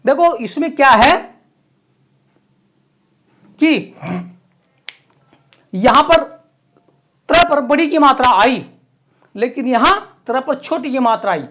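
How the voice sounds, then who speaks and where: In a classroom lesson aimed at exam students, a man writes on the board while talking, repeating important words with slow clarity. His voice is strikingly high and animated, with pitch that swings broadly between words.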